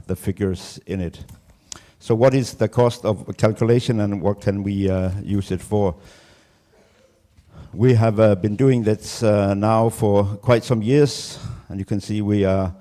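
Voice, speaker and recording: A farmer from Denmark speaks at a conference in a voice. He talks very slowly and halts often on fillers and restarts. His voice sits low and mellow. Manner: hesitant, many fillers and restarts. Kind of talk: conference presentation. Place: conference room.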